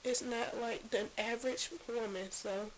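A tearful woman who sounds like she has been crying talks in a drained, confessional way. Her voice sits a little high. There is a hiss over the close home camera recording made in a bedroom. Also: steady tone, unhurried, rough recording. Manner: drained, downcast, venting. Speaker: vlogger. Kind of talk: emotional confessional vlog. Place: small bedroom, lying in bed.

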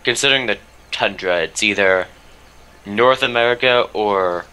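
A man's voice: lowish voice, normal speed, sharp tone, clean tone. A young man chatting casually during an online multiplayer strategy game, joking, teasing and swearing while talking through a headset. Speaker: multiplayer gamer. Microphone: headset with earphones.

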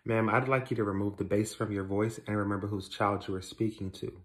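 A man's voice: fairly low pitch, fairly even intonation, brisk. A man acting in a comedy sketch, talking back sassily. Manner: sassy, talks back in character.

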